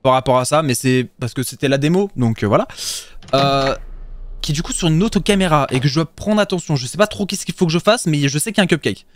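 An excitable man commenting on a horror game, swearing, laughing and yelping at every fright. His voice sits a little high and swings widely in pitch. A clear layer of noise runs under his home gaming mic. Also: fast. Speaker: gaming video host.

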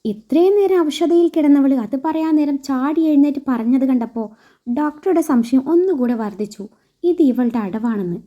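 A woman storyteller reading a scripted romantic story in a steady, expressive way. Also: high-pitched, moderate pace, dull audio.

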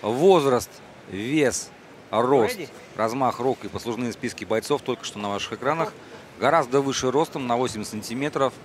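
A man's voice: mid-range voice, moderate pace. A man giving live play-by-play boxing commentary as a commentator. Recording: loud crowd noise over commentary.

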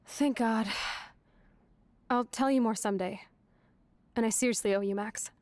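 Brash American punk teen played by a woman for a game; high, slangy, sarcastic, dry close recording. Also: moderate pace, a little mellow, dry recording, lightly acted. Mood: grateful, casual. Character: brash, rebellious, sweary punk girl, around nineteen. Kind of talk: video game drama acting.

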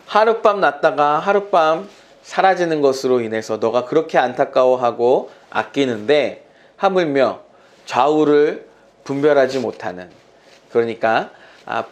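A man voicing God in a sermon retelling, speaking calmly and gently reproving, close to his own voice. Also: fairly high pitch. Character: patient, reasoning God, a fatherly male voice. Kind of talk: sermon storytelling.

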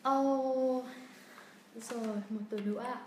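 Young woman as a livestream teacher, slow drilled repetitions, roomy sound. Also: a little high, steady tone, darkish tone, slight background noise. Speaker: English pronunciation teacher. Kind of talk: livestream pronunciation lesson. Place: room during a livestream. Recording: roomy echo.

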